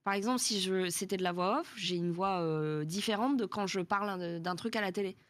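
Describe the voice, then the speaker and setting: A woman's voice: mid-range voice, fairly quick, no echo. A woman chatting as a guest, describing her work in a matter-of-fact way. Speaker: guest, columnist. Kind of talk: casual group chat.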